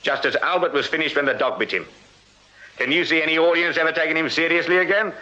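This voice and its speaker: An actor playing a shrewd, firm Victorian police sergeant with an English accent, brisk, courteous and wry, in a radio drama. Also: male voice, a little high, sharp tone. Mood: wry, intent. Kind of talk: full-cast radio drama acting. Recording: slightly dull radio drama recording.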